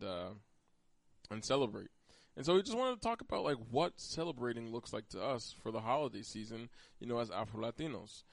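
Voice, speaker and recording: In a dry recording, a man with a medium-pitched voice hosts a podcast, chatting conversationally and ribbing his co-host. He is American, from Pennsylvania.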